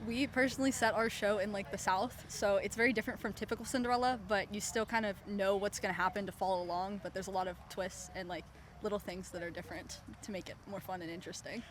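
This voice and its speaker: A woman's voice: mid-range voice, fairly even intonation, quick pace, slight background noise. Giggly young woman cast member outdoors. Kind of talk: casual interview answers. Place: outdoor theatre stage.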